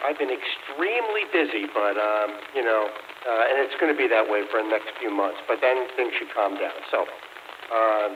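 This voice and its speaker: An older man comes through a CB radio, his voice thin, narrow and distant, with steady static hissing behind him. He chats in a friendly, easygoing way and drops in radio lingo. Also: fairly low pitch, moderate pace. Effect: heard over a CB radio. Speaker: CB radio operator. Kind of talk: casual CB radio chat. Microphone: CB radio handset.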